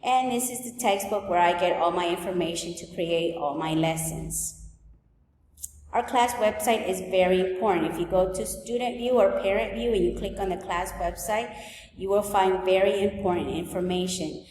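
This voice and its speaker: A woman in her forties from El Salvador, a high school teacher, walking through her class rules and agenda in a clear, list-like way. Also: a little mellow, slight background noise. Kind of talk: recorded open house presentation. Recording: echoey room, long reverb.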